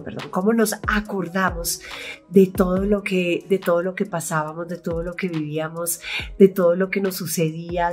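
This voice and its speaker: A middle-aged woman with a Colombian accent, an actress hosting her own video channel, telling rambling behind-the-scenes stories and acting out what she said back then. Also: lowish voice. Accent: Colombian (Bogotá). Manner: rambling, chatty, acts out her own past voice. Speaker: actress and YouTube host. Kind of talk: casual storytelling vlog.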